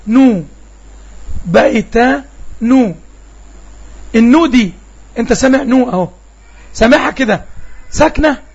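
A man's voice: extremely high pitch, slightly rough, dull audio. A man with an Egyptian Arabic accent teaches an online Arabic lesson, patiently repeating sounds and quizzing his students.

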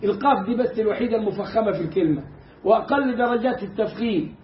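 A man with an Egyptian Arabic accent teaching Quran recitation in a casual, animated way, mimicking mistakes and drawing out the correct sounds. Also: sits high, roomy sound, highs cut off, a little hiss or hum. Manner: animated, mimics mispronunciations and demonstrates slow recitation. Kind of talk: casual lesson.

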